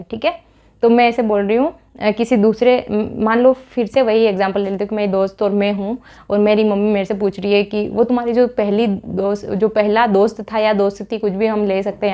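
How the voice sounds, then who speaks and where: Indian woman teaching English, slow and deliberate. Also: a little high, a little mellow. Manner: explains in Hindi, models English sentences slowly and deliberately. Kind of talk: spoken English lesson.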